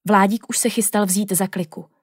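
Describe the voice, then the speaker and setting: A woman reading a children's storybook aloud in the first person of a little girl, in a lively storytelling tone. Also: medium pitch, breathy edge, no room sound, clean studio sound. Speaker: audiobook reader.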